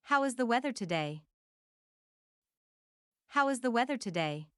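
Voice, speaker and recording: Woman reading practice phrases, unhurried, clean and crisp, each line repeated evenly, dry close sound. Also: fairly high pitch, no room sound. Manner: repeats each phrase several times, deliberate and even. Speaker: English phrase reader. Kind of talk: slow read-aloud of practice phrases.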